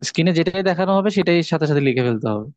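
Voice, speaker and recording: A man teaching a course, patiently explaining exam rules step by step with pauses and hesitations. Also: on the high side, expressive, a little mellow, no room sound, muffled recording. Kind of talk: online class instructions.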